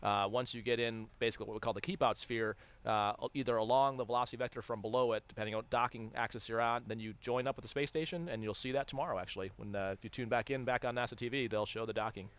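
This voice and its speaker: Fast-talking man explaining a launch live. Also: medium pitch, a bit bright, clean tone. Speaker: expert launch broadcast commentator.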